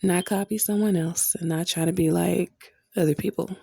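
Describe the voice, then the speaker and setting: A woman hosting a motivational podcast, sounding stuffy from a cold, speaking slowly and earnestly to encourage her listeners. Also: fairly low pitch, fairly even intonation, vocal fry, dark tone, slightly rough, dry recording. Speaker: podcast host.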